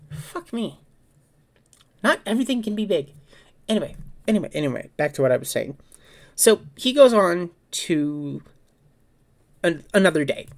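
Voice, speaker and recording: A woman with a fairly low voice chats on her own in a casual vlog. She rambles and goes off on tangents, corrects herself mid-sentence, and swears now and then. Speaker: vlogger. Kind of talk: casual solo chat and storytelling.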